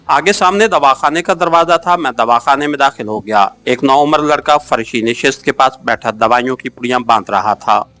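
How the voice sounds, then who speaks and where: A man narrating a first-person adventure novel as an audiobook, in a steady, measured storytelling manner. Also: mid-range voice.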